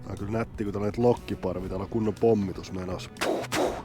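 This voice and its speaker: Excitable man from vlogging outdoors. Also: lowish voice, music in the background. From Helsinki, Finland. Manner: excitable, chatty, explaining technique. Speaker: fishing vlogger. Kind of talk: casual outdoor vlog narration. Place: outdoors on a frozen city lake.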